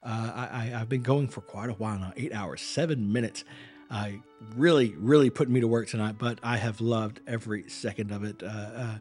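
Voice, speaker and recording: A tired-sounding acting and performance coach talks casually to viewers during a live stream, his voice wearing thin as he rambles earnestly and restarts his words. His voice is on the low side and a little mellow, moving a little fast. Faint music can be heard behind him.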